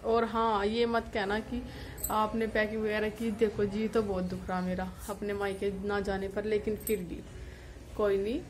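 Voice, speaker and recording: A woman's voice: mid-range voice, flat delivery, normal speed, slight background noise. A young woman chatting to camera from a small room at home, talking casually with lots of fillers in a wistful tone. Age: young adult. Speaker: village vlogger. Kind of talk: casual vlog talk to camera.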